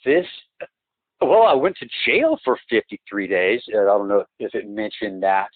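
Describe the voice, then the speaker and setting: A man on a phone call who talks in a halting, rambling way, restarting and repeating words, and presses his complaints insistently, heard through a phone line. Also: fairly low pitch, expressive, no echo. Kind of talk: phone conversation. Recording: tinny, dry phone-line recording.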